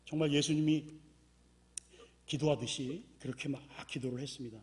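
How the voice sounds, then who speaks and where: A man's voice: fairly high pitch, fairly even intonation, normal speed, a little mellow, breathy edge. A man preaching a sermon as pastor, telling stories and acting out the characters' desperate cries. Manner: acts out characters' cries in a raised voice. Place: church sanctuary.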